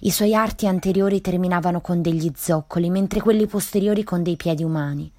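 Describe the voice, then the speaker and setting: A woman reads a short story aloud in a measured, storytelling manner. Her voice is on the low side. The recording is dry and close, with no room sound. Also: mellow, dry recording. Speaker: reader.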